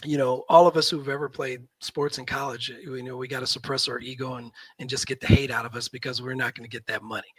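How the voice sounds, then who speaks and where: A man in his fifties from Nebraska, a guest talking in a casual, animated, opinionated way on a video call. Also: mid-range voice, fast, few pauses, slightly rough, no echo, low-quality recording. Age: 50s. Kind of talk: casual chat.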